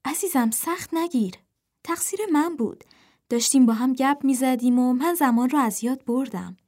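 A gentle mother crow in a storybook, pleading softly to calm her angry mate, voiced by a woman. High and light, anxious and tender. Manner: soothing, pleading.

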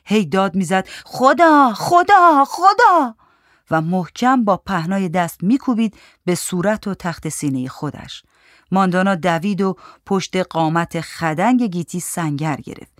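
Brief: female audiobook narrator, lowish voice, measured storytelling, dry booth sound. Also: no room sound.

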